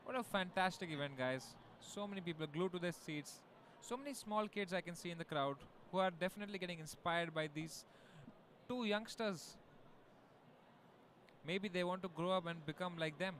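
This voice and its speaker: Male chess commentator, Indian accent, high voice, conversational and explanatory, faint ambient noise. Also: moderate pace, fairly bright tone. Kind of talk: live casual sports commentary.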